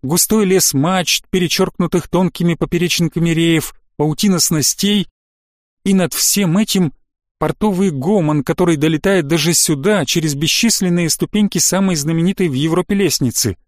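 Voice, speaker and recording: A man's voice: fairly high pitch, moderate pace, dry recording. Man narrating a story, dry close sound. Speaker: audiobook narrator. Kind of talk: scripted narration.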